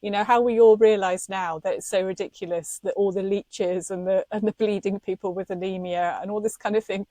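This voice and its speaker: A woman's voice: mid-range voice, fairly even intonation, a little fast, hardly any pauses, mellow, dry recording. A woman co-hosting a podcast, talking passionately and indignantly, with frequent laughs. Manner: impassioned, indignant, laughs often. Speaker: podcast co-host.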